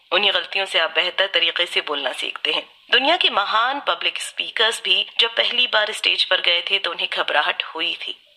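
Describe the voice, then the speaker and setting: A woman giving a scripted book-summary narration in a clear, steady, explanatory way. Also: medium pitch.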